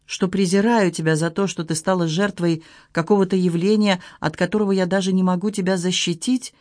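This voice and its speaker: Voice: mid-range voice, fairly even intonation, brisk, a little mellow, no echo, studio quality, lightly acted. A reader voicing an anguished man in love, protective and hurt, speaking with emphatic urgency in an audiobook scene. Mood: pained. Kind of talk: audiobook reading.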